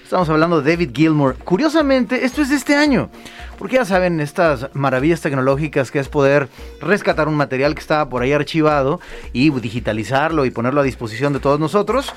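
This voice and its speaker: A Mexican man co-hosting a radio show, his voice sitting a touch high. He chats in an animated, joking way. Soft music plays faintly behind him. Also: fast talker. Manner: animated, jokey, reads listener messages. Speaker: radio co-host. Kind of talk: casual radio chat.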